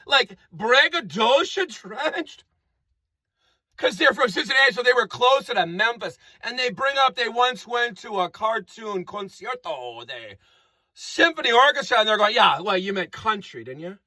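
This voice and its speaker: High lively guy doing a rambly comic monologue, repeats stuff, goofy wordplay, bright voice. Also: unhurried, no room sound. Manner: rambling, repetitive, playful wordplay.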